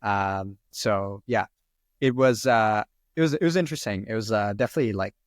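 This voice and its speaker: A Sri Lankan guest in his twenties, Arabic being his first language, talks through podcast questions in a loose, rambling manner with frequent "like"s and "um"s. He has a lowish voice at normal speed, recorded in a studio with no room sound.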